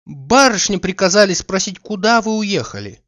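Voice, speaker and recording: A man reading an audiobook, voicing a quick, chatty young maid in a hurried manner. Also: sits high, very animated, a bit bright, muffled recording, voice pushed up. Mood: eager.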